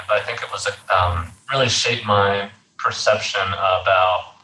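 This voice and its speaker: Bright-voiced young man in a roomy space. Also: on the low side. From Texas. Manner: thoughtful, measured, with frequent fillers. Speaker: guest, activist and journalist. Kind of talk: casual interview talk. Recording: roomy sound from a distant mic with faint background hiss.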